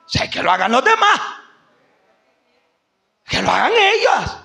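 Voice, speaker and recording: A male pastor preaching a sermon, telling a story in an animated way, acting out other voices, and sometimes shouting. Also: very high voice, unhurried, gravelly. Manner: animated, shouts at points, acts out quoted voices.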